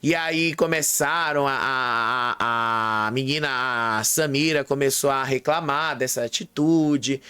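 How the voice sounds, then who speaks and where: A man's voice: fairly high pitch, a bit bright, smooth, dry recording. A man casually recapping reality show gossip, chaining events together and checking in with the listener. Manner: chatty, strings events with "aí" and checks in with "tá?".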